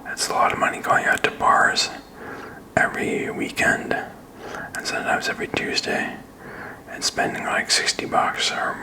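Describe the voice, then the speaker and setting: Man whispering slowly, halting ASMR ramble. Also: sharp tone, poor audio. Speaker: ASMR video creator. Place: small quiet room indoors. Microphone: desk microphone with furry windscreen, very close.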